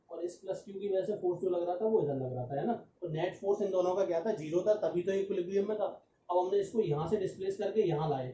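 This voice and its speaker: A man's voice: high voice, dark tone. A young adult man teaching a physics lesson step by step, asking his students rhetorical questions and slipping phrases into his Hindi, with on the bits. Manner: mixes English phrases into Hindi. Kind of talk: exam-prep lecture. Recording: echoey, distant, muffled lo-fi audio with faint background noise.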